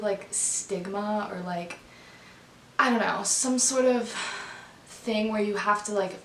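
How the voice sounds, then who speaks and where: Young woman doing a chatty vlog, raspy with some vocal fry, kinda echoey room. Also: fairly low pitch, slight background noise. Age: young adult. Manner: informal, frequent "like". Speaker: vlogger. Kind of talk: casual chatty vlog narration.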